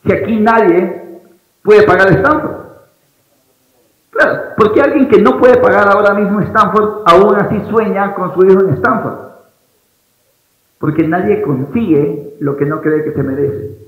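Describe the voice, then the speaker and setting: A young man from Ecuador with an Ecuadorian Spanish accent, giving an energetic motivational talk on a large auditorium stage and questioning the audience. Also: sits high, measured pace, pauses often. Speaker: motivational speaker. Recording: roomy hall sound, dull lo-fi audio.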